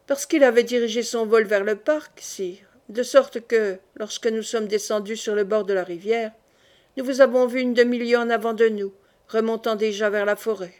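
A woman reading as a proud, quick-witted young king. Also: fairly high pitch, steady tone, darkish tone, lightly acted. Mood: composed. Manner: smooth, innocent, then firm and proud.

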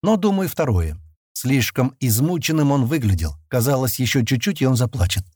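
Brief: male narrator, first-person audiobook, lively intonation, dry close sound, mid pitch. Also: normal speed, slightly rough, dry recording. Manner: expressive, coarse-spoken.

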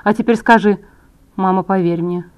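A woman reading an audiobook, voicing a calm, menacing male villain who talks slowly and quietly. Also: mid-range voice, natural voice. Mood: cold menace.

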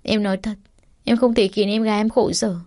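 A woman reader voicing a heartbroken young woman who speaks quietly and holds back tears. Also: medium pitch, little pitch movement, a little fast, dry recording, clean studio sound, lightly acted. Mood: sad.

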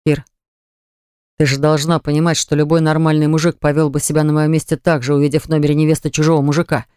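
A man's voice: a little high, little pitch movement, fast talker, darkish tone, smooth, no room sound, clean studio sound, lightly acted. A man voicing a jealous young ex-fiancé who pleads earnestly to win her back, in an audiobook. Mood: pleading. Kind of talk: audiobook dialogue reading.

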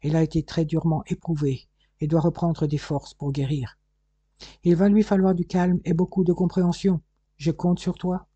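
A man's voice: on the high side, flat delivery, moderate pace, dark tone, husky, no room sound, lo-fi sound. A man reading a bossy doctor. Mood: firm. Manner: firm, commanding. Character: bossy older male doctor friend.

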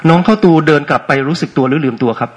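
A man's voice: fairly high pitch, rapid-fire, slight background noise. A man giving an interactive dharma talk as a meditation teacher, playful and often checking in with questions. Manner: asks frequent rhetorical check questions; playful, teasing with audience.

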